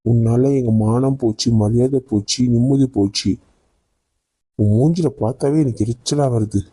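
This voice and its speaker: A man's voice: mid-range voice, moderate pace, dark tone, slightly rough, no echo, natural voice. A man voicing a hot-tempered grown son and elder brother in a cartoon family drama, scolding and giving orders. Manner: scolding, commanding.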